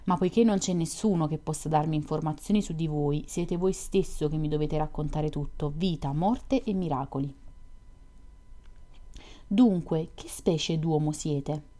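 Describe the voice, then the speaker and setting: A woman reading an audiobook, voicing a lively, curious young woman who chats and teases with questions. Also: low-pitched, a little slow. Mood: chatty, teasing. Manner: chatty, teasing, questioning.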